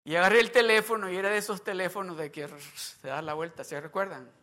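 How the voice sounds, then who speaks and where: A man's voice: high-pitched, steady tone, quick pace, pushed and bright. A man preaching a sermon, telling a personal story in a conversational way and acting out remembered dialogue. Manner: conversational, with restarts and asides to the congregation. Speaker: pastor.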